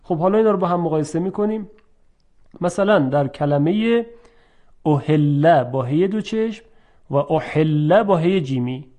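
A man teaching Arabic pronunciation, drawing out example words slowly and clearly, then explaining them quickly in between. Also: sits high, animated, a little mellow. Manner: clear, careful articulation. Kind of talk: language lesson.

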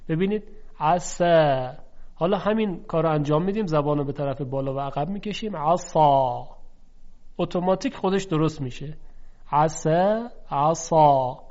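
A man teaching Quran recitation, explaining carefully and sounding out letters slowly to contrast them. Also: a little high, darkish tone. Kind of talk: instructional lesson. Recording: dull lo-fi recording.

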